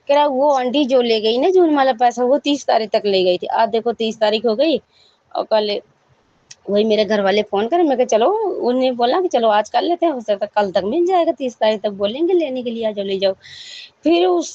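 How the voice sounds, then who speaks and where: A woman's voice: a little high, mellow, muffled recording. A middle-aged woman giving a rambling, worried personal testimony to a devotional congregation, pleading in prayer.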